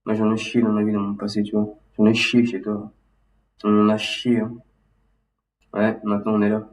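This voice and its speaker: A man talking casually and loosely about his memories, halting and restarting often with lots of fillers. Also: fairly low pitch, completely flat delivery, a little mellow. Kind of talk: casual rambling monologue. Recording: roomy echo, mic at a distance.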